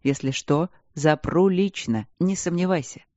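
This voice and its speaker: A woman doing a calm, low-voiced husband. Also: unhurried, no room sound, muffled recording, close to an everyday voice. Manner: calm, steady, reassuring. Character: calm protective husband, king consort.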